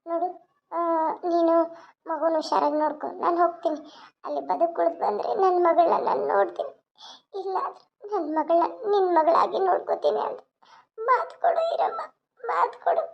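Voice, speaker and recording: A woman's voice: very high voice, expressive, fairly quick, creaky, long pauses, heavily acted. A woman voicing a young mother and police officer, tearful and tender as she says goodbye. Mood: anguished. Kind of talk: cartoon voice acting. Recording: dull lo-fi sound.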